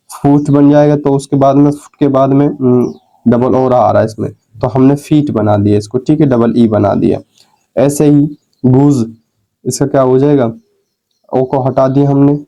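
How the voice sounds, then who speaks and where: A man's voice: medium pitch, dark tone, poor audio. A male teacher, patiently explaining grammar rules and checking in with his students again and again. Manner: repeats "ठीक है" to check understanding, asks and answers his own questions. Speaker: English teacher.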